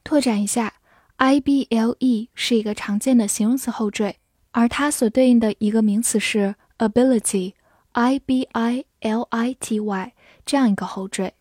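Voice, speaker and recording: A woman whose first language is Chinese teaches English vocabulary in a scripted lesson, spelling each word letter by letter and reading the example sentences slowly. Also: fairly high pitch, dark tone, husky, dry recording, studio quality.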